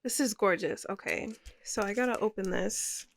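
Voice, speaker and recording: A young woman vlogging casually from her home art studio, excited and playful, using slang, on a makeshift mic. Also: medium pitch, moderate pace, creaky, heavy background noise. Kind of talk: casual unboxing vlog.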